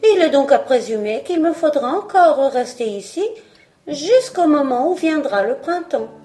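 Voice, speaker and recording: A woman's voice: sits high, expressive, normal speed, warm tone, soft background music, voice pushed up. A woman voicing a proud young fir tree who muses wistfully about his past. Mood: musing. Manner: wistful, self-assured musing.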